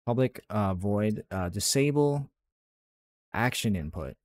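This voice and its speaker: Low-voiced man rambling while coding. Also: expressive, slow pace, no room sound, clean studio sound. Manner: thinks aloud, rambling with many fillers and restarts; answers chat messages between coding steps. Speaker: game developer streaming his work. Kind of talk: casual live-stream chat while coding.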